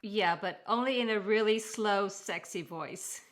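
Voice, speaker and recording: A woman's voice: medium pitch, measured pace, a bit bright. A woman co-hosting a podcast, talking in a casual, teasing way. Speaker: podcast co-host.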